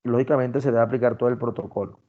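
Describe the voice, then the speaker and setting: Man, lecturer, mid-pitched voice, explains point by point, asks the students questions, lo-fi sound. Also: fairly even intonation, fast. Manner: explains criteria step by step, addresses students directly. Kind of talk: recorded class lecture. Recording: dull lo-fi sound.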